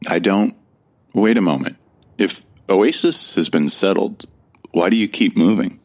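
Speaking in the first person, an actor voices a bewildered, introspective amnesiac from Earth for an audio drama, sounding bewildered and earnest. His voice is low-pitched and gravelly with a darkish tone, and his pace is measured.

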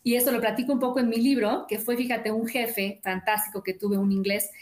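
A woman's voice: on the high side, steady tone, a little fast, darkish tone. Upbeat woman in an echoey room. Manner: upbeat, tells stories with quoted dialogue. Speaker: guest author and sales coach. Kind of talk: casual interview chat. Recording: roomy echo.

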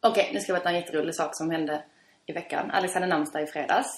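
A woman's voice: deep voice, loud music behind the voice. A woman hosting a podcast, telling stories in casual chat and laughing often. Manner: lively storyteller, laughs often. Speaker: podcast host. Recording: echoey room.

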